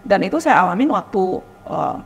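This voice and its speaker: A woman speaks as a vicar and educator in a chatty panel discussion. Her voice sits at a mid pitch. A long hall reverb trails behind her words. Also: very animated, normal speed, creaky, breathy edge, soft background music. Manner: chatty, tags sentences with "gitu ya".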